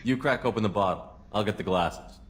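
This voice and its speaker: An actor playing a steady, curious male starship commander in a video game, asking questions in a level, quick way. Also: fairly low pitch, lightly acted. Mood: friendly. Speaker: game character.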